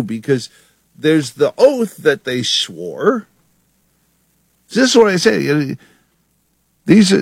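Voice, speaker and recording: A man's voice: mid-range voice, no room sound, clean studio sound. Opinionated male talk radio host. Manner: opinionated, emphatic, sardonic.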